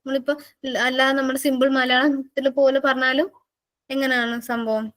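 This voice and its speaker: High-voiced woman teaching an exam-prep lesson. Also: level tone, fairly bright tone. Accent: Malayali English. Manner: explains slowly, repeating words and asking students questions.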